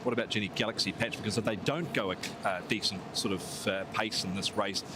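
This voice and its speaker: A man's voice: lowish voice, steady tone, fairly quick. A man hosting a live horse racing broadcast, presenting and putting questions to his colleagues. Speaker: broadcast host. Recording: noisy outdoor live broadcast.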